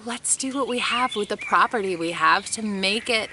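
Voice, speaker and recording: Speaking at a normal pace with a medium-pitched voice, this woman in her thirties is a homestead vlogger talking casually to camera. She's outdoors by a chicken coop in a grassy yard, earnest, chatty and laughing lightly, recorded on a camera mic at close framing with background noise.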